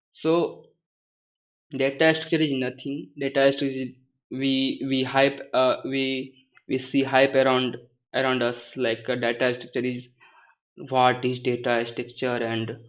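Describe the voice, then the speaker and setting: A man with a thick Hindi accent gives an informal lesson in hesitant, halting English, often repeating words and phrases. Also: medium pitch, highs cut off. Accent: thick Indian (Hindi). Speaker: first-time tutorial presenter.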